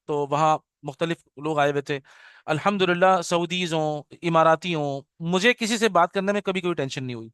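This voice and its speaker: A man's voice: fairly high pitch, a bit bright, smooth, no echo, clean studio sound. A middle-aged man teaching an online class orientation, switching between Urdu and English and checking in with his students often. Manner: mixes English into Urdu, keeps checking with "okay?". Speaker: Arabic teacher. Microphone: video call.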